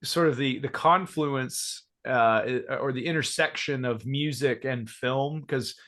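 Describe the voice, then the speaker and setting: A Georgia-born musician in his thirties speaks slightly slowly, at medium pitch and with a bit of brightness. The interview is casual, and his loose talk is packed with fillers and restarts.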